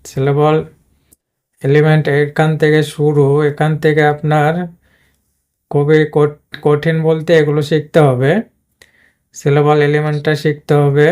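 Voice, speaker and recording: A man's voice: a little high, a little mellow, smooth. A man teaching English pronunciation in a casual spoken lesson, explaining plainly with many fillers and restarts.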